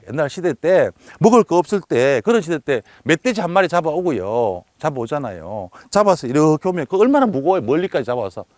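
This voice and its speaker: Animated male lecturer telling stories. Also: on the high side, no room sound, clean studio sound. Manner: lively storytelling, acts out quotes. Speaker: humor and happiness lecturer. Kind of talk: lecture with funny anecdotes.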